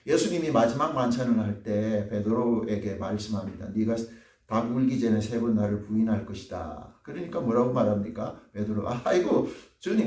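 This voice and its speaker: A man's voice: mid-range voice, warm tone. A man preaching a sermon as pastor, acting out the voices of people he quotes. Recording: echoey room, voice from a distance.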